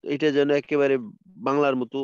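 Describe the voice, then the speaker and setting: A man's voice: medium pitch, monotone, fairly quick, a little mellow, clear, resonant tone, no room sound, lo-fi sound. A man teaching a tajweed lesson over a video call, patiently repeating letter sounds for his students to copy. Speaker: Quran recitation teacher.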